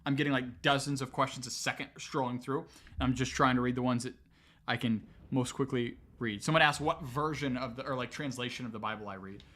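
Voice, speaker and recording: A male streamer answers questions in a casual livestream Q&A, relaxed and conversational, explaining at length with many "um"s. His voice is mid-range and his pace brisk.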